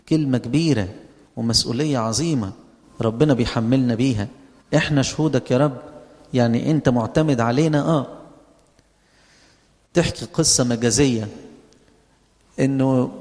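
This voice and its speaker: A man's voice: medium pitch, darkish tone. A man with an Egyptian Arabic accent preaching a sermon as a priest, in a conversational style full of rhetorical questions. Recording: long hall reverb.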